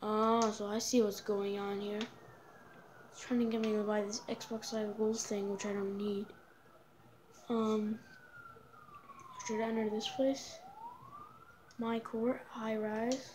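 A woman's voice: medium pitch, level tone, takes it slowly, long pauses, a little mellow, slight background noise. A woman giving casual let's-play commentary, rambling with lots of fillers in an easygoing way. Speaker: gamer.

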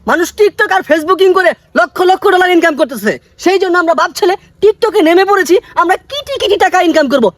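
A man's voice: very high voice, lively intonation, fairly quick, hardly any pauses, a bit bright, no echo, clean studio sound. A man playing a foolish, boastful old village father in a comedy sketch, indignant and bragging, on a noisy distant recording. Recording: distant, noisy track with clicks.

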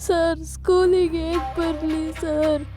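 A woman's voice: extremely high pitch, little pitch movement, slow pace, over music. A young woman acting a studious schoolgirl who has lost her sight, pleading through tears. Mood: pleading tearful. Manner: pleading, tearful. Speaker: schoolgirl student. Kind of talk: low-budget short film acting.

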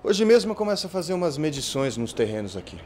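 A man's voice: on the high side, very animated, fast, darkish tone, slight background noise. An actor playing an easygoing, observant young man in a telenovela, chatting casually with a Brazilian accent. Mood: relaxed, curious. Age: young adult. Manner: casual, conversational. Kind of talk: telenovela acting. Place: indoor café set.

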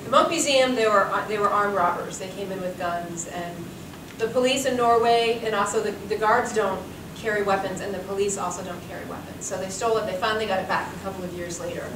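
Quick-paced and medium in pitch, a curator in her forties chats her way through a lecture of anecdotes, often laughing. Her seminar-room audience is present, and the distant room mic yields an echoey sound with hiss underneath.

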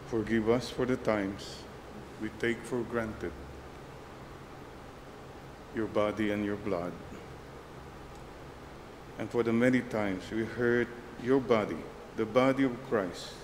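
A priest speaks into a pulpit microphone in a slow, deliberate voice. His pitch sits a little low, with a faint hum behind him. He prays in a solemn, measured cadence. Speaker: priest presiding at Mass. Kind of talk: leading liturgical prayer and exhortation.

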